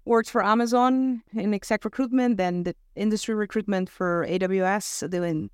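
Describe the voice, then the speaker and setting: A woman's voice: mid-range voice, steady tone, normal speed, clear, resonant tone, no echo, studio quality. A middle-aged woman from Venezuela with an American accent, a podcast guest talking in a casual, upbeat, thoughtful way, often adding "you know" and "right?". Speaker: podcast guest, talent acquisition director. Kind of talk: casual interview chat.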